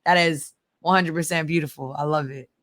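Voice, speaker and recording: Female co-host, Queens accent, bright and punchy, effusive casual street talk, close dry recording. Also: sits low, fairly even intonation, brisk, no echo. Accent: Queens, New York. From Queens, New York. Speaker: interview co-host. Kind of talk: casual, slangy interview chat.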